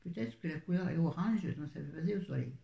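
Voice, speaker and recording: A woman with a deep, dark voice and vocal fry talks fast in a casual book review for her viewers. The book vlogger rambles and frequently interrupts herself, and the room adds an echo.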